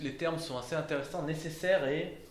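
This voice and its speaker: A man's voice: fairly high pitch, fairly even intonation, a little fast, a little hiss or hum. Man lecturing in an echoey room. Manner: hesitant, many fillers and restarts. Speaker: speaker giving a talk. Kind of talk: informal lecture to a live audience. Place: indoor room with listeners. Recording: echoey room, faint ambience.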